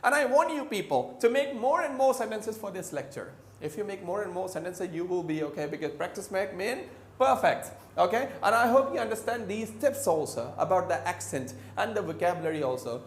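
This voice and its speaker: A man teaching an English grammar lesson, switching between Urdu and English and drawing out each English example slowly, word by word. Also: high-pitched, sing-song, a little hiss or hum. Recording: echoey room.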